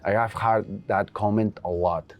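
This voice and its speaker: A man's voice: on the low side, fairly even intonation, measured pace. A man in a casual interview, earnestly telling stories about making a film. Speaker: film director guest.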